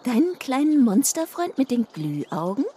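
A woman's voice: fairly high pitch, big pitch swings, moderate pace, breathy edge, voice pushed up. A woman voicing a teasing, secretive young elf girl in a children's story. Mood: teasing knowing. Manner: teasing, secretive, hushed at times.

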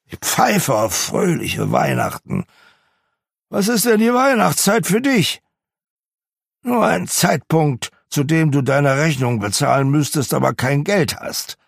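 A man's voice: a little high, creaky, slightly rough, dry recording, clean studio sound, voice pushed up, full character voice. A man voicing a grumpy, miserly old man who snarls out scornful outbursts.

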